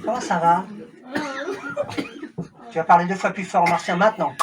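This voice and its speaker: A man's voice: high voice, fairly even intonation, moderate pace. A man working as a stage hypnotist in a theatre, giving commanding suggestions to volunteers and teasing them playfully. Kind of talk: live stage hypnosis show. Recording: noisy, distant live theatre recording.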